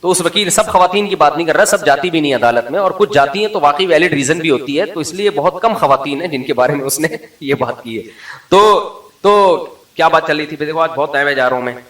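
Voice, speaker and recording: A man giving a humorous religious lecture as an Islamic scholar. He tells stories in an animated way and mimics the people he quotes. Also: a little high, brisk, distant mic. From Pakistan. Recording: roomy sound, voice a little off-mic.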